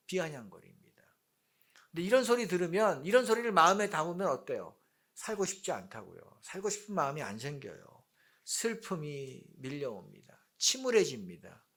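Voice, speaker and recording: A man's voice: a little high, big pitch swings, normal speed, a bit bright. A male pastor with a Busan accent preaching a sermon, reading scripture aloud, acting out the voices of mockers, and putting questions to the congregation before answering them. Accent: Busan Gyeongsang. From South Korea. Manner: reads scripture aloud and acts out mocking voices of accusers.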